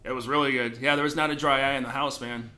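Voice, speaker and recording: A man's voice: mid-range voice, steady tone, quick pace, bright, forceful tone. A man co-hosting a podcast in a bar, chatting in an easygoing, agreeable way. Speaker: podcast co-host. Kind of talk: casual chat.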